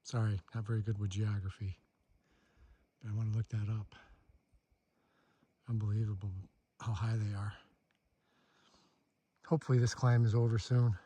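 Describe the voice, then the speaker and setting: A man's voice: on the low side, level tone, normal speed, long pauses, dark tone, husky. A man talking casually outdoors for a hiking vlog. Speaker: hiker vlogger. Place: outdoors on a hiking trail or campsite.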